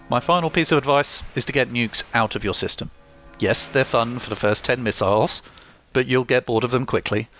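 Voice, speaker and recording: A man's voice: medium pitch, a bit bright. Dry-humoured man reviewing a game. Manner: dry, self-mocking humour. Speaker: gaming YouTuber. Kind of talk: scripted game review voice-over.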